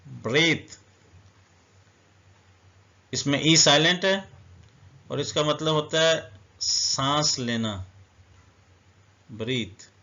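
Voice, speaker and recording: A male English teacher gives a slow, deliberate vocabulary lesson, spelling each word letter by letter and explaining its meaning. His voice is a little high, pushed and bright, and he speaks slowly. The recording has its highs cut off.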